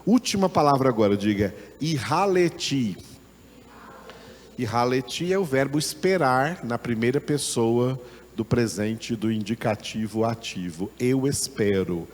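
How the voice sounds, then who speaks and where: A man with a Brazilian Portuguese accent teaching a Bible lesson, slow and deliberate, repeating words as he explains them. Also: medium pitch, expressive, in a large hall, slight background noise.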